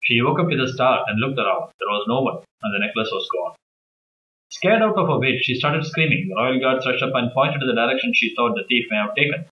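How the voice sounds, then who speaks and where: A man reading a children's story aloud in a halting, uneven way. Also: medium pitch, lively intonation, roomy sound, muffled recording. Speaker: storybook reader.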